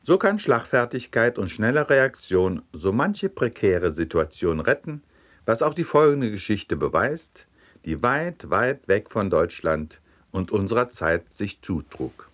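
A man narrating a series of scripted humorous anecdotes in a lively, animated reading. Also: fairly low pitch, measured pace. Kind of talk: scripted storytelling of jokes.

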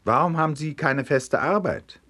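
A man's voice: on the high side, normal speed, sharp tone, voice pushed up. A man doing a stern, blustering judge. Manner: strict, blustering, then mockingly friendly. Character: stern irritable male judge, middle-aged.

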